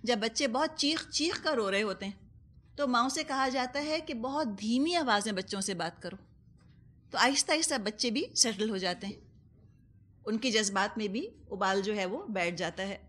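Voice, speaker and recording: Woman teaching quran tafseer, pakistani urdu accent, bit high voice, patient examples, mixes in english words. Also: lively intonation, fairly bright tone. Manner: explains patiently with everyday examples and questions to listeners. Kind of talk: Quran commentary lesson.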